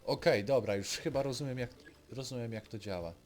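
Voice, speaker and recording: A man with a Polish accent mutters casual commentary as he plays a video game, streaming it with game music behind him. His voice sits in the mid range, with a darkish tone and a fast delivery.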